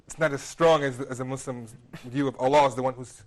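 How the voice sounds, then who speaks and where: A man's voice: medium pitch, steady tone, brisk, a little mellow. Hesitant American man talking on a panel. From United States. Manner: hesitant, many fillers and repeated words. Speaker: studio guest. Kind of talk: casual panel discussion. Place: television studio.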